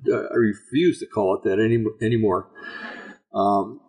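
A man with a raspy, gravelly voice hosting an online show, giving informal religious commentary in a rambling, halting, folksy way. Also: lowish voice, steady tone, a little mellow.

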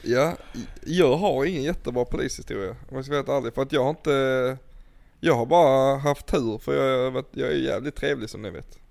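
A man's voice: medium pitch, gravelly, darkish tone. A young man in casual chat, laid-back and swearing, telling stories with laughs. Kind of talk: casual storytelling.

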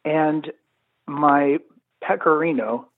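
A man's voice: a little high, slow pace, no room sound. A man from California calling into a radio show over the phone, eager and laughing nervously as he explains his problem. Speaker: caller. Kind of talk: radio call-in question. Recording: tinny phone line.

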